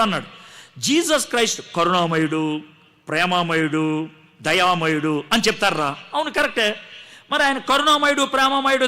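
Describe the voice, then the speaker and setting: A man's voice: high-pitched, pushed and bright. A man preaching a testimony sermon to a gathering, telling his story dramatically and acting out the dialogue.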